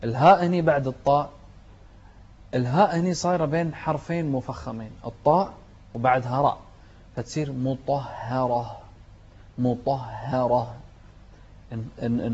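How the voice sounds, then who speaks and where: A man teaching Quran recitation. He recites slowly and melodically, then explains pronunciation quickly and corrects wrong forms by contrast. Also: mid-range voice, a little mellow, breathy edge, lo-fi sound. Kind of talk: tajweed lesson, alternating recitation and explanation.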